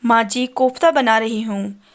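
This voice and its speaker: A woman's voice: a little high, unhurried. A woman doing a polite young newlywed bride. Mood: explaining. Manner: polite, respectful questioning. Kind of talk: storybook character voice.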